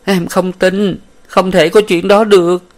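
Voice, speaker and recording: A man's voice: fairly high pitch, normal speed, voice pushed up, lightly acted. A man voicing a distraught young woman in an audiobook, pleading and tearful. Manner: pleading, sobbing. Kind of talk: audiobook character voice.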